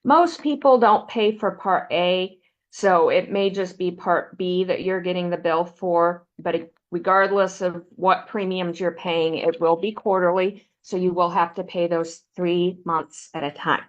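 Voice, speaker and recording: A woman presenting a benefits counseling webinar, walking listeners through slides in a steady, explanatory way. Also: lowish voice, measured pace, muffled recording. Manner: explanatory, steady, uses "um" fillers.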